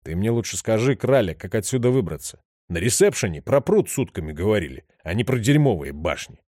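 Narrator putting on a leering heavyset thug, coarse, growling, swings from low mutters to loud barks, dry close recording. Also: male voice, very animated, a little fast, no echo. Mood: scornful. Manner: growling, aggressive. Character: crude menacing heavyset man, middle-aged.

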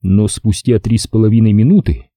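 A man narrating a first-person audiobook in a wry, measured storytelling manner on a close studio mic. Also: lowish voice, mellow, no room sound.

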